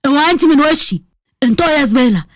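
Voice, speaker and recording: A woman's voice: high voice, animated, rapid-fire, no echo, studio quality. Storybook role: strict, furious Egyptian father, accusing, voiced by a woman. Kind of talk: storybook voice acting.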